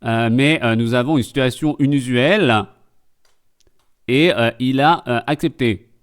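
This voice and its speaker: A man's voice: medium pitch, a little slow, smooth. A man streaming live and doing comedic translation commentary, full of joking, rambling asides.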